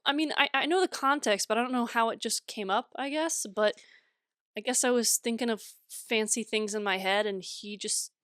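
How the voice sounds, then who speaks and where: A woman's voice: on the high side, moderate pace, a bit bright, smooth, dry recording, studio quality. A young woman co-hosting a podcast, chatting casually and laughing through her own stories. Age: young adult. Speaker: podcast co-host.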